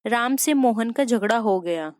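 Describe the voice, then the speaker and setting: A woman teaching grammar for an entrance exam in a chatty way. She reads each sentence slowly and then explains it, and keeps calling her viewers "friends". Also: a little high, expressive, dry recording. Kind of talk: exam-prep lesson.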